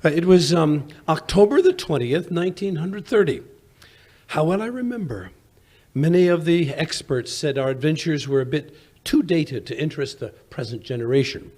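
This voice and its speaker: An actor playing a genial, self-deprecating old English doctor and storyteller, with a hesitant, old-fashioned manner in 1940s radio drama style. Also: male voice, on the high side, animated, normal speed, darkish tone. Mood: reminiscing. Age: older.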